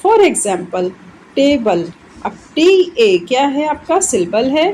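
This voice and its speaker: A woman with an Indian English accent teaching an English lesson. She reads English definitions slowly, then explains them quickly in Hindi, and checks with her students. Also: sits high, sing-song, darkish tone, a little hiss or hum, poor audio. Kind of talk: classroom-style lesson explaining grammar.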